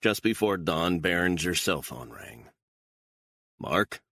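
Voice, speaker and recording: A man narrating a thriller audiobook in an even, measured way. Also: extremely low pitch, no room sound, studio quality. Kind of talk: scripted narration.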